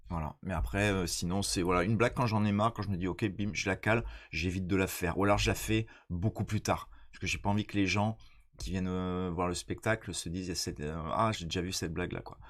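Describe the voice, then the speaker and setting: Man, lowish voice, blocked nose, casual explanatory chat, halting and slangy delivery. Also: fairly even intonation. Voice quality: congested, nasal. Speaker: stand-up comedian.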